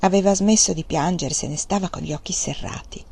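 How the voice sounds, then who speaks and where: A woman reading a novel aloud as audiobook narration, measured and expressive. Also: fairly low pitch, vocal fry, slightly rough. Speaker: reader of a novel.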